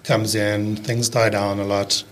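South African man in his fifties, halting. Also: fairly low pitch, a little hiss or hum. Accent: South African, fading toward American. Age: 50s. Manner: halting, restarts a lot, fillers, relaxed. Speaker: podcast guest, landscaping business owner. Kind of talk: casual conversational interview.

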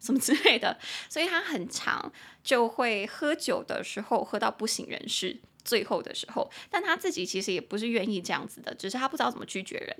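A woman's voice: a little high, very animated, a little fast, a bit bright, slightly rough. A woman with a Taiwanese Mandarin accent, hosting a casual podcast lesson in which she chats and spells English words out letter by letter. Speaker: podcast host and English teacher.

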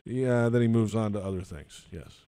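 A man's voice: on the low side, moderate pace, mellow, no echo. A man hosting a sports talk show, moving between discussion and sponsor reads.

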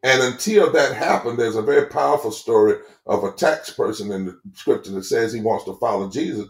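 A man's voice: medium pitch, animated, brisk, roomy sound, faint music behind. A man speaking as a preacher and theologian, emphatic and preacherly, repeating phrases for effect. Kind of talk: sermon-like talk.

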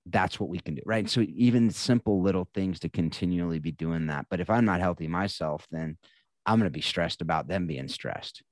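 A man's voice: low-pitched, fairly quick, dry recording. A man co-hosting a podcast, chatting casually in an earnest, coaching way. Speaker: podcast co-host.

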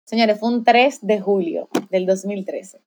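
A woman's voice: medium pitch, unhurried, background noise. A young woman giving a heartfelt personal faith testimony in conversation, with many fillers and restarts. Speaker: guest sharing a faith testimony.

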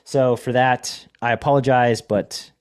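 A man's voice: mid-range voice, fairly even intonation, a little slow, clean tone. A man hosting a poker podcast, chatting casually in a rambling, self-deprecating way with repeated words. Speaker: podcast host, poker coach. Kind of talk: casual podcast chat and hand commentary.

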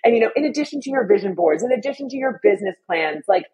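Husky-voiced chatty woman host. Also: medium pitch, lively intonation, very fast, warm tone, poor audio. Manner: casual, chatty, full of fillers and gasps. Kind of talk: casual interview chat.

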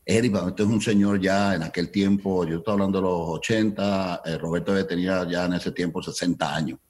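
Middle-aged man, very low voice, animated interview storyteller who slips between Spanish and English. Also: fairly quick. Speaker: salsa event promoter.

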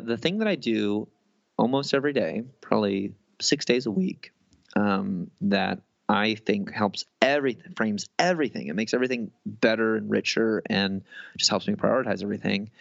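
Brief: thirties man, low gravelly voice, rambling chat with lots of restarts, dry dull lo-fi sound. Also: normal speed, dry recording. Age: 30s. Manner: rambling, many restarts and fillers. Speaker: guest author. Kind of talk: casual interview conversation.

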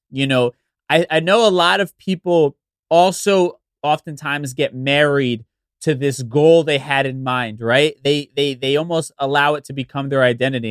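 A man hosts a casual interview, talking at length in a chatty, rambling way. His questions are full of fillers and restarts. His voice sits at a middle pitch and the recording is dry and close. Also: a bit bright, no echo. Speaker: interview host.

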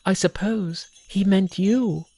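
A storyteller voicing a young fairy boy who keeps a cave door, teasing and brisk. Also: mid-range voice, warm tone, dry recording, voice pushed up. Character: young male fairy boy, cheeky doorkeeper.

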